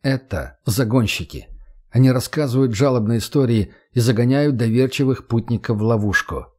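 A man voicing a self-assured young man who speaks calmly, bluntly and matter-of-factly. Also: mid-range voice, normal speed, natural voice. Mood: calm persuasive. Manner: calm, blunt, matter-of-fact.

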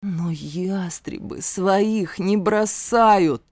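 A woman's voice: low-pitched, expressive, takes it slowly, dark tone, no echo, full character voice. A woman reading an audiobook voices a stubborn, hot-headed young male warrior who speaks with desperate defiance. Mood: defiant.

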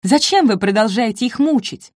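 A woman's voice: lively intonation, normal speed, darkish tone, dry recording, studio quality. A woman voicing a desperate young woman pleading for her family. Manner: pleading, raised higher voice.

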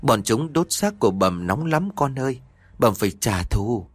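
Male narrator plays ghost of a wronged young mother; slow, menacing, lively pitch. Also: husky, no echo. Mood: tender.

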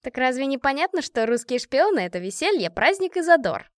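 A woman's voice: mid-range voice, very animated, no echo, studio quality, lightly acted. A woman voicing a playful young fighter who teases and snaps at her teammates. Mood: teasing. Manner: teasing, quick to snap.

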